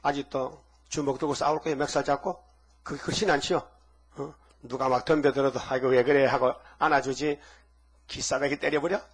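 A man's voice: mid-range voice, steady tone, brisk, a bit bright, slightly rough. An older man preaching a sermon in a folksy, conversational way, firing off rhetorical questions and acting out quoted lines. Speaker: pastor.

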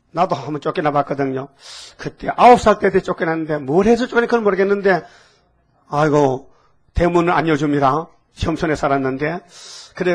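Older guy preaching, husky voice, keeps quizzing the congregation. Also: fairly high pitch. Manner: folksy, scolding, asks the congregation questions. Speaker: pastor. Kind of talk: sermon.

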